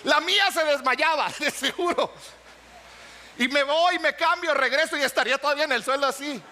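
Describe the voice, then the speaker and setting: A pastor preaching an animated sermon in a church, asking the congregation questions and acting out little everyday dialogues. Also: male voice, very high-pitched, fairly quick, a little hiss or hum. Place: church hall.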